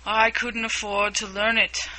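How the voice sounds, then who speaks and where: A woman voicing a gloomy male Mock Turtle who sighs and sobs, speaking slowly and mournfully in a storybook reading. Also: medium pitch, level tone, bright, forceful tone, poor audio. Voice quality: slow, mournful delivery.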